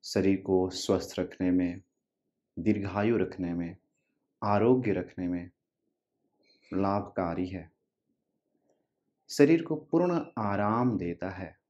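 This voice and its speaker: A yoga instructor guides a relaxation meditation in a low, warm voice, giving short instructions separated by long pauses. The recording sounds dull.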